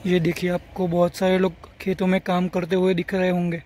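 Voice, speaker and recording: A man's voice: sits high, monotone, fairly quick, a little mellow, slight background noise. A young man from Gujarat talking casually to camera on a village vlog, filming himself at arm's length outdoors and pointing things out to viewers. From Gujarat, India. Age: young adult. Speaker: vlogger. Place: village lanes and fields outdoors. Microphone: camera held at arm's length.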